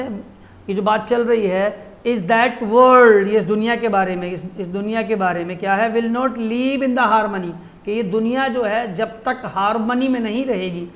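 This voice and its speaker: High-voiced man teaching grammar. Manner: translates phrase by phrase, quizzes with rhetorical questions. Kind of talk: exam-prep grammar lesson.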